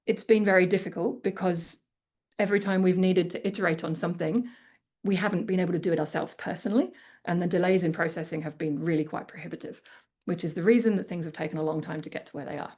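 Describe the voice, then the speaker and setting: A woman's voice: fairly low pitch, quick pace, a little mellow. A woman with an Australian accent giving a conference talk, then chatting candidly with many casual fillers. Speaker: conference speaker.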